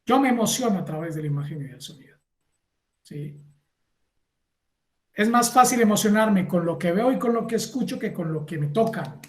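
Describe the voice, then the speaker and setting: Animated lecturer in an echoey room. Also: male voice, high voice, moderate pace, long pauses. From Colombia. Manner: animated, acts out little scenes and asks the class for agreement. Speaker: university lecturer. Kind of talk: classroom lecture.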